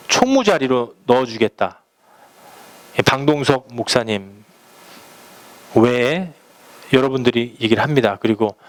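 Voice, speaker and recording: A male pastor preaching in a loose, conversational way, weaving stories from his own week into the sermon. He acts out the voices of the people who called him. His pitch sits at a middle register for a man. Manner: conversational storytelling, acts out quoted phone calls. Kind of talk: sermon with personal anecdotes.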